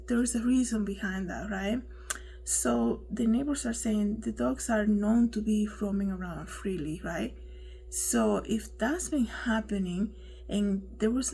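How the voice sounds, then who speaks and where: A woman's voice: medium pitch, creaky, dark tone, slightly rough, rough recording. A woman giving casual commentary on a news story, chatty and preachy, often asking her listeners "right?". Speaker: online commentator.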